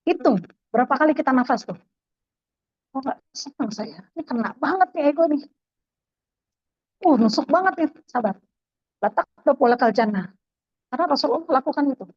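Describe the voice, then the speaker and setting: A high, bright-pitched woman in her thirties speaks in a lively, story-filled way while answering questions at a religious talk. She drops in short Arabic phrases. The sound is dry and slightly dull. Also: fairly quick, long pauses, husky, no room sound. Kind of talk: religious self-help talk with Q&A.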